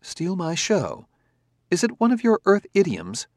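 A man's voice: high-pitched, huge pitch swings, measured pace, darkish tone, no echo, clean studio sound, voice pushed up, exaggerated voice. A man voicing a polite, formal male humanoid robot who speaks precisely, with no contractions.

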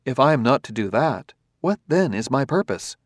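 A man voices a polite, formal male humanoid robot that speaks precisely and never uses contractions. His mid-range voice is sing-song at normal speed, pitched above his own natural voice, with clean studio sound and no room sound.

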